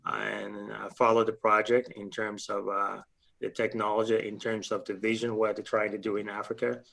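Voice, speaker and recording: A man from Liberia with a Liberian accent, talking on a panel in a relaxed, hesitant way with many fillers. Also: lowish voice, normal speed. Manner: hesitant, many fillers, clears throat often. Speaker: panelist, stake pool operator. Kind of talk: casual panel talk.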